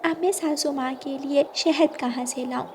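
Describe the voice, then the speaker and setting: A woman's voice: high-pitched, steady tone, moderate pace, darkish tone, slight background noise, pitched above the performer's own voice, lightly acted. A woman doing an eager young sparrow bride. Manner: polite, eager. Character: dutiful young sparrow daughter-in-law, eager and obedient. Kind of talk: storybook cartoon voice acting.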